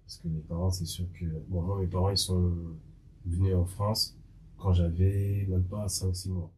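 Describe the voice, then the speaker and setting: A man in his twenties, a podcast guest, speaking haltingly with many fillers. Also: deep voice, flat delivery, a little mellow, slight background noise. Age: 20s. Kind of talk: conversational testimony.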